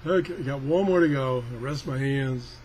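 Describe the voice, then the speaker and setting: In a mid-range, darkish voice at normal speed, an older man reviews a product through a casual demonstration. His delivery is rambling, folksy and grumbling, with a self-deprecating streak, and the amateur audio is clearly noisy.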